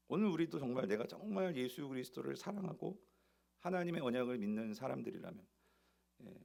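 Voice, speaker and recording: Male pastor, sermon, lively intonation, gravelly, slightly high voice. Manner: animated, rhetorical questions to the congregation.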